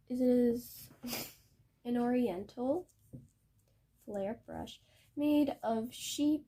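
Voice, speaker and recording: Soft, halting young woman teaching painting. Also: on the high side, slight background noise. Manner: hesitant, halting, self-correcting. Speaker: art tutor. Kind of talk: painting demonstration tutorial.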